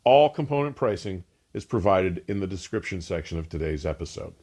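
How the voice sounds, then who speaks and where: Speaking fairly quickly in a deep, somewhat mellow and expressive voice, a male show host narrates a scripted review of audio equipment. His delivery is enthusiastic, emphatic and polished.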